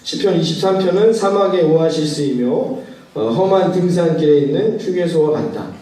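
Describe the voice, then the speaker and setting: A male pastor preaching a sermon, pausing often and putting questions to his congregation. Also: fairly high pitch, expressive, warm tone. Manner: measured, with frequent "uh" pauses. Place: church sanctuary. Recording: very echoey church hall, mic at a distance.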